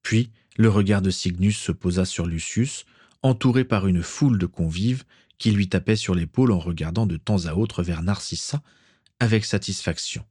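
A man reading a story aloud as narrator, steady and measured. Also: sits low, breathy edge, dry recording, studio quality.

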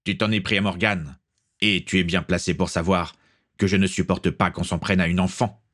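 A man's voice: sits low, fairly even intonation, normal speed, fairly bright tone. A man voicing a psychotic, grinning pirate in a storybook reading. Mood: cold.

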